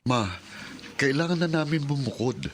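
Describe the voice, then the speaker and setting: An actor playing a firm, kind adult son who reassures earnestly, in old radio show acting. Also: male voice, mid-range voice, normal speed, slight background noise, natural voice. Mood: firm, reassuring.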